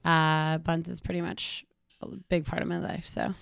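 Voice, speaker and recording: A woman from Toronto, a guest on a casual podcast interview, upbeat and quick to laugh. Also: sits low, flat delivery, gravelly, smooth, no echo, clean studio sound. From Toronto, Canada.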